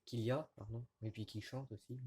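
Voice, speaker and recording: A man with a mid-range voice talks casually to his camera at home while showing off vinyl records. He speaks haltingly, with many fillers and restarts. A faint hiss sits under the recording. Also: mid-range voice, fairly even intonation, warm tone. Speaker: record collector vlogger. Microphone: camera mic at close range.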